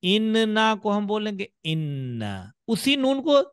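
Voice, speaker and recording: A man's voice: on the high side, expressive, a little slow, no room sound, studio quality. A man teaching children to read in an online class, patiently drawing out sounds as he demonstrates them. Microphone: video call.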